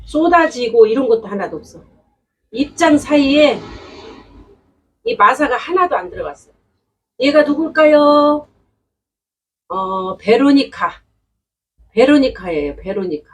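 A woman's voice: a little high, lively intonation, a little slow, long pauses, breathy edge, distant mic, low-quality recording. A woman unboxing succulent plants at home in a chatty, delighted way, exclaiming often. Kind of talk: casual unboxing commentary. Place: indoors at home.

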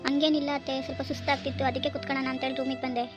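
A woman voicing a meek, gentle young daughter-in-law who speaks softly and wearily in a cartoon story. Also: sits high, flat delivery, rapid-fire, muffled recording, music in the background, close to an everyday voice. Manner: soft, submissive, weary.

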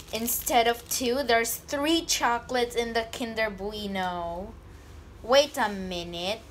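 Holding her phone camera over a table indoors, a high-voiced woman unboxes candy for a casual vlog, joking and squealing as if scared. The audio has a little hiss or hum.

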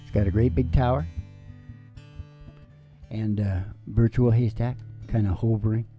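Picture a musician in his sixties on a small curtained indoor stage, hosting a show with a fairly low, steady voice that moves a little slowly. He tells his stories in a laid-back, folksy, wandering way, drifting into asides that trail off. Live acoustic guitar picking sits under his voice, picked up by a close stand microphone, and the recording's highs are cut off.

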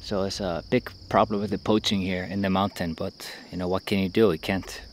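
A young man vlogging with a handheld camera outdoors, talking in a chatty, excitable way and laughing often. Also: sits low, a little fast, a little hiss or hum. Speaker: travel vlogger. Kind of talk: casual travel vlog narration. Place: outdoors in rural hills and an open-air bamboo restaurant. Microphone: handheld action camera at arm's length.

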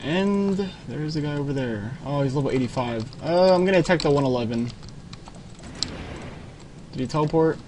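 A young man with a somewhat high voice commentates a game live, snapping short commands and repeating them. He speaks into a headset mic at his computer. Faint typing clatters behind him. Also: expressive, normal speed, long pauses, a little mellow, slight background noise. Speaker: clan leader giving orders.

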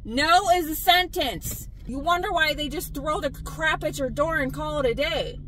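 A woman, a delivery driver vlogging from her car, blunt and animated as she tells her stories. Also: high-pitched, a little hiss or hum, rough recording. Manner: exasperated, blunt, animated storytelling. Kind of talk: casual vlog venting to viewers.

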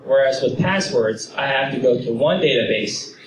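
A young man confidently gives a tech conference talk with a demo, holding a microphone in an office meeting room and explaining with casual fillers. His medium-pitched voice has lively intonation at a normal pace, captured by a distant camera with roomy, noisy audio.

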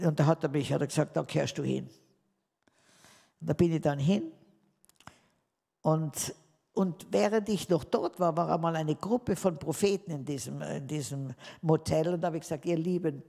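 A woman's voice: sits low, normal speed, creaky, warm tone, long reverb tail. A woman giving a spoken testimony to a live audience, telling her story vividly and calling her listeners dear ones.

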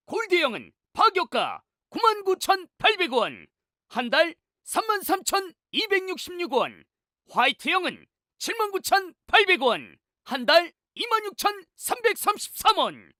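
A woman's voice: extremely high pitch, big pitch swings, a little slow, sharp tone, no echo, studio quality. A woman announcer reading a hard-sell commercial in an emphatic, punchy manner that drives home each selling point.

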